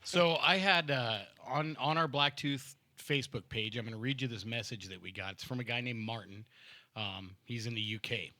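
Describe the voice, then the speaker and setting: Bright-voiced casual podcast host. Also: male voice, mid-range voice, dry recording. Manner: loose, laughing, profane, halting with fillers. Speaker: podcast host and band member. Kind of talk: casual chat and reading a fan letter aloud. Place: home-built recording studio. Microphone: studio mic with headphones.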